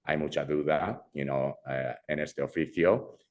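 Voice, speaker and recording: A bass voice, unhurried and slightly mellow, belongs to a young adult filmmaker born in Brazil and brought up in Madrid. Speaking informally in an interview, he keeps dropping English fillers and starting his sentences over.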